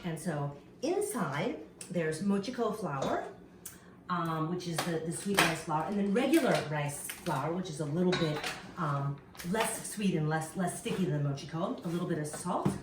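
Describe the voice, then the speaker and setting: A woman's voice: fairly low pitch, lively intonation, moderate pace. A woman from Burma, a mother, casually explaining a family cooking activity at home to her children's classmates. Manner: warm explaining to schoolchildren, chatty with fillers. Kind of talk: casual home video narration. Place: home kitchen. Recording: echoey kitchen, camera far off, noisy.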